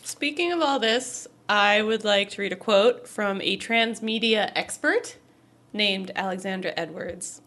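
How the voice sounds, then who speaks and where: A woman co-hosting a fan podcast, making her points in an earnest, measured way. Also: medium pitch, fairly bright tone. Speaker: podcast co-host. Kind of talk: casual fan podcast discussion.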